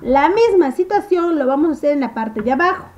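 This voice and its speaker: Sing-song lively woman teacher, slow. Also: high voice, highs cut off. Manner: slow, sing-song teacher talk, stretching words, asking "¿sí?". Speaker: primary school teacher. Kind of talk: remote first-grade phonics lesson.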